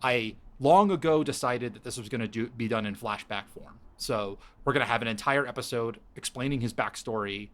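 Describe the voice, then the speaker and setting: A man hosting a podcast, pitching story ideas in casual chat to his co-hosts, thinking aloud with frequent restarts. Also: brisk, few pauses, a bit bright.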